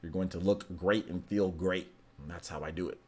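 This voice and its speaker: A man in his forties hosts a relaxed livestream and chats with viewers in a rambling, slangy, joking way. His voice sits on the low side. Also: fairly quick. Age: 40s. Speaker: streamer host. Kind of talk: casual livestream chat reading viewer messages.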